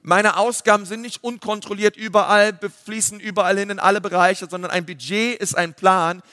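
A man, a pastor giving a lively sermon full of fillers. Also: high-pitched, fairly quick, no echo, clean studio sound, long reverb tail. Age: 30s. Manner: lively preaching with filler words.

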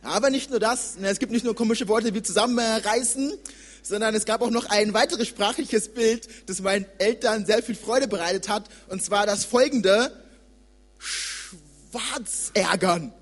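High-voiced young male preacher, husky. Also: moderate pace. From Germany. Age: 20s. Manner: lively, conversational and joking with the congregation. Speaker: preacher, theology student. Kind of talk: sermon with storytelling. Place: church hall. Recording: long hall reverb.

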